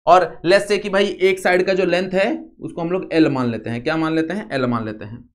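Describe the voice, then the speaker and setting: High-voiced male physics teacher, Indian accent. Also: a little fast. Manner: repeats steps, quizzes students often. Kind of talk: classroom lecture.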